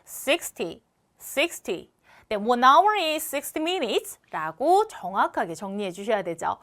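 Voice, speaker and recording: Woman, young English teacher, patient step-by-step explaining, repeats words aloud, animated high voice. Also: slow pace. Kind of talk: recorded exam walkthrough lesson.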